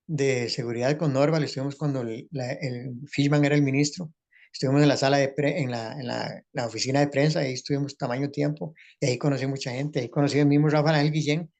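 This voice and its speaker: A man's voice: medium pitch, steady tone, fast talker, gravelly, a little mellow. An older man with a Costa Rican accent, a former radio actor who reminisces as a guest and rambles from one anecdote to the next with many restarts.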